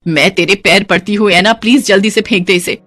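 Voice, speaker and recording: A woman's voice: medium pitch, brisk, a bit bright, no room sound, soft background music, lightly acted. A woman voicing an exasperated middle-aged mother-in-law who scolds and frets.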